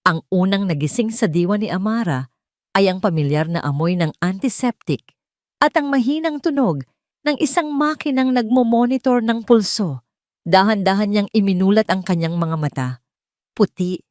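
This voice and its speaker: A woman with a medium-pitched, slightly mellow voice narrates a scripted love story in a dramatic storytelling style. Her intonation is lively and her pace moderate, and the recording is studio quality with no room sound.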